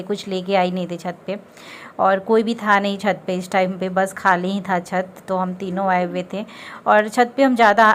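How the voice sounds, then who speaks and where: In a family vlog, a low-energy, unwell woman with an Indian Hindi accent chats casually and rambles to her viewers, speaking to them directly. Her mid-range voice is recorded poorly with faint background noise, first in a car and later on an outdoor rooftop.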